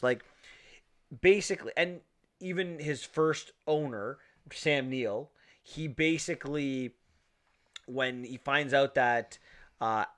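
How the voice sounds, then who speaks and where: A man's voice: fairly high pitch, fairly bright tone. Enthusiastic man reviewing movies. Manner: enthusiastic, rambling with restarts. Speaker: podcast co-host. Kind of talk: casual movie review chat.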